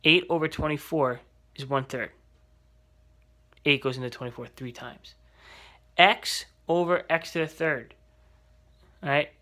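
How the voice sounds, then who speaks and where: Bright-voiced male math teacher. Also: fairly high pitch, measured pace, pauses often. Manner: patient step-by-step explaining, asks rhetorical checks. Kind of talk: recorded algebra lesson.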